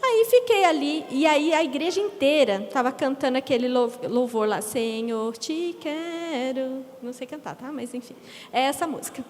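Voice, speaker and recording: A middle-aged woman giving a lively church testimony, acting out the words of others as she tells her story. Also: high-pitched, brisk, a little hiss or hum. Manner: lively storyteller, acts out quotes, laughs often. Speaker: guest speaker giving testimony. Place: church sanctuary stage. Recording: echoey church hall.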